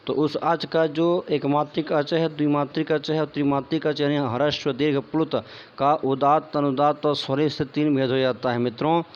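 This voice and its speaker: Male teacher with a slightly high voice, lecturing and quizzing the viewer, on a dull lo-fi recording. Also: little pitch movement, moderate pace. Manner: explanatory, repeats points as questions to the viewer, addresses them as friends. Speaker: Sanskrit grammar teacher. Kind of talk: online lecture explaining a text.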